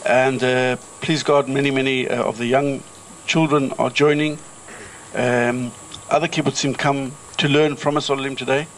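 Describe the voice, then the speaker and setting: Here the same kind of speaker, a middle-aged kibbutz chairman from South Africa with the accent to match, addresses an outdoor reunion audience in a mid-range, flat voice at normal speed. He tells stories in a chatty way, stumbling through filler-heavy restarts. The recording is low quality, with a little hiss or hum.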